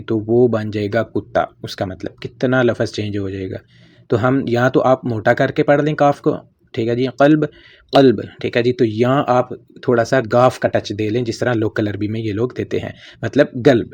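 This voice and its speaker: A man with a Pakistani accent teaching vocabulary in a casual spoken lesson, patiently repeating each word and often pausing with fillers. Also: medium pitch, a little mellow, lo-fi sound. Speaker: language teacher.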